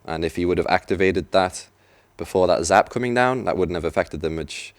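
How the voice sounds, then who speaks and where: At an event venue, a man works as an esports commentator on a live racing video game match, chatting and explaining tactics with some restarts. His deep voice moves a little fast, with no echo.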